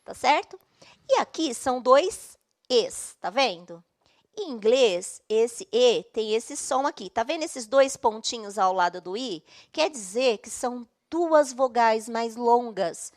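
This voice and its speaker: A woman's voice: fairly high pitch, lively intonation, slow pace. A woman with a Brazilian Portuguese accent teaching an online English class, explaining patiently step by step and checking in often.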